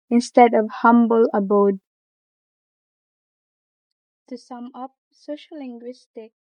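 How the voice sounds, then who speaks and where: A woman's voice: on the high side, dry recording, muffled recording. A young woman student reading a class report aloud, in short, carefully paced phrases. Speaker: student presenter.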